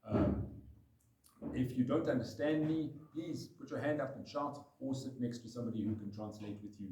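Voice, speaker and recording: A man's voice: medium pitch, steady tone, normal speed, dark tone, slight background noise. A man giving an informal, self-deprecating talk to a live audience, laughing often. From South Africa. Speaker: paragliding pilot giving a talk. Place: room with a gathered audience. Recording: echoey room, voice off-mic at times.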